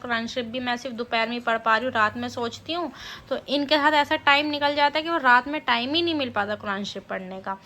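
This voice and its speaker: A woman's voice: high voice, bright, forceful tone. A woman vlogging casually at home at night, chatting straight to her viewers. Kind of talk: casual home vlog chat.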